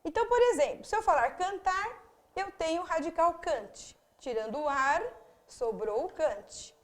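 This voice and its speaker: A woman's voice: very high-pitched, animated, unhurried. A woman with a Brazilian accent, teaching a grammar video lesson for exam candidates, explaining step by step to the viewer with frequent asides. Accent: Brazilian Portuguese.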